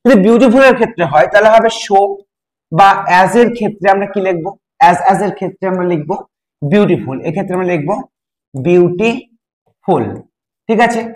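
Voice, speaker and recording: Patient high-voiced male teacher. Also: fast talker, low-quality recording. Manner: patient, repeats and spells out words; asks and answers his own questions. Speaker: English teacher. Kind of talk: step-by-step grammar lesson.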